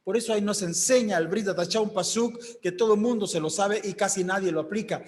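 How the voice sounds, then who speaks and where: High-voiced man preaching a sermon. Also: fairly quick, big-room sound. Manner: emphatic, acts out quoted voices.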